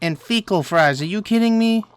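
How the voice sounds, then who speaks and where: A man voicing an angry, foul-mouthed cartoon restaurant boss who yells and swears. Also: high voice, animated, normal speed, smooth, pitched above the performer's own voice. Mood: angry yelling. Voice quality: yelling, profane. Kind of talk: cartoon voice acting.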